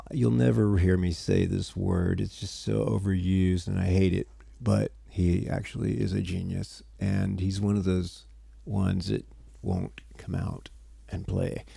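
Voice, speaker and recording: Tired gravelly man teaching music theory. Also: sits low, warm tone, dry recording. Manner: rambling, self-interrupting, chatty with viewers. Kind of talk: casual livestream lesson.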